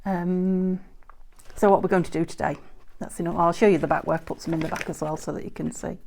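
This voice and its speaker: Talking fast in a fairly low, slightly croaky and a little mellow voice, a UK craft host chats casually as she demonstrates her work at a craft table indoors. Her intonation stays fairly even while she rambles, corrects herself and uses plenty of ums. The overhead shot shows only her hands, and there's slight background noise.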